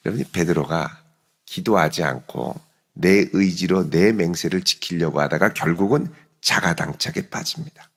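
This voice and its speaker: A man preaching an early-morning sermon as pastor, animated and acting out quotes. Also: low voice, vocal fry, husky, big-room sound. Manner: animated, acts out quotes and dialect jokes. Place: church sanctuary.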